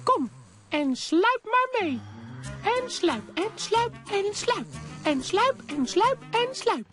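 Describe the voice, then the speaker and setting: Squeaky cheerful cartoon mouse. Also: very animated, takes it slowly, heavily acted. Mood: encouraging. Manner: bright, encouraging, sing-song counting. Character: cheerful upbeat male cartoon mouse leading kids. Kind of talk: cartoon dub voice acting. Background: music.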